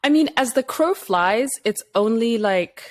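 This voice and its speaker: A woman's voice: fairly high pitch, expressive, a little slow. A woman from Zimbabwe, a guest on a podcast, chatting in a friendly way and sounding a little tired. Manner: friendly, chatty, laughs easily. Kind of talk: casual interview chat.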